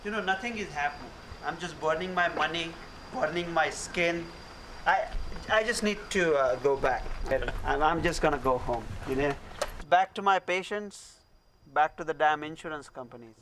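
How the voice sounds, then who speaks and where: An actor playing a middle-aged doctor turned stubborn film producer, insistent and exasperated in conversation. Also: male voice, on the high side, normal speed, a bit bright, slight background noise, lightly acted, poor audio. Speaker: doctor and aspiring filmmaker.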